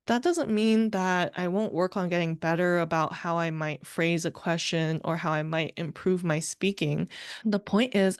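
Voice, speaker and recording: A woman's voice: on the low side, no echo, studio quality. A woman hosting her own podcast as a life coach, telling her story in an upbeat, conversational way and laughing often. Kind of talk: solo podcast, casual storytelling.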